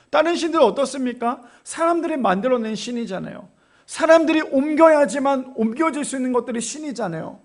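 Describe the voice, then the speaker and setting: A male pastor preaching a Sunday sermon, asking the congregation rhetorical questions and acting out what God would say. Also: high voice.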